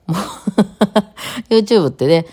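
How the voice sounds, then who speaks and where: With a low, gravelly yet mellow and animated voice, a woman radio host talks casually solo in her native Kawachi Osaka dialect from Kawachi, Osaka, Japan. Her delivery is rapid-fire, heaping one subject onto the next.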